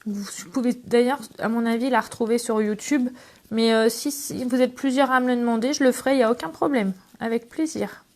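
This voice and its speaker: Brisk and a little high, a middle-aged woman from France hosts a casual scrapbooking tutorial as a craft demonstrator. She keeps talking to her viewers as she works, chatty and affectionate.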